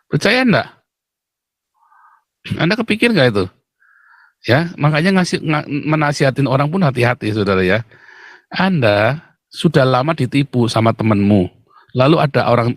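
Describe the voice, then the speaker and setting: A man's voice: mid-range voice, lively intonation, moderate pace, long pauses, dry recording. A man from Indonesia speaking, hosting a live stream of blunt, mocking religious commentary, lecturing viewers.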